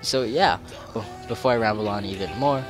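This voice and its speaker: Over music, a young man speaks fairly quickly in a fairly low voice, nasal and stuffy from a cold. As a game guide creator, he narrates a tutorial on game mechanics and drifts into rambling, self-deprecating asides.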